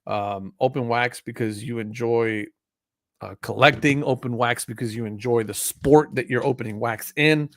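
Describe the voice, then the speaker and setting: A man's voice: mid-range voice, moderate pace, dry recording, studio quality. A man in his forties chatting casually on a live stream, rambling with many fillers and restarts. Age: 40s.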